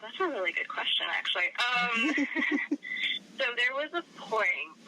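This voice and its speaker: A woman's voice: on the high side, sing-song, a little slow, heavy background noise. A young woman from Arizona with a cold, a guest author talking in a casual interview, chatty and giggly with many fillers. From Arizona, USA. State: has a cold.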